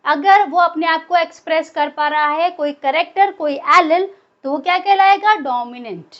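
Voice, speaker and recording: High-voiced woman teaching biology. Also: normal speed, muffled recording. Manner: asks questions then answers them herself. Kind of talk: classroom lecture.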